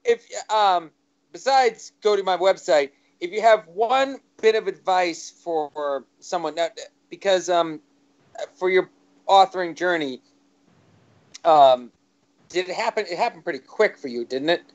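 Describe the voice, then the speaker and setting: A man's voice: high voice, a little slow. Joking man host, dull lo-fi sound. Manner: jokey, rambling, filler-heavy. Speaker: talk show host. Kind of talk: casual chat.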